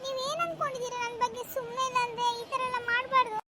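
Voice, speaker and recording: A squeaky cartoon village girl. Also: fairly even intonation, fast talker. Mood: scolding. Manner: pleading, tearful and sweet with her parents, sharp and scolding with the driver. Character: young village girl leaving home for city work. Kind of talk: cartoon voice acting. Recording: loud background noise.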